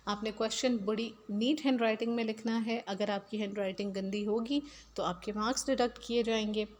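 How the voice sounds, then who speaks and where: A woman teacher walks her pupils through a lesson in a fairly high voice, slowly repeating each key word. A faint room hum sits behind her. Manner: slow, explanatory, repeats key words. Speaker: English teacher. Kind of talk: recorded classroom lesson.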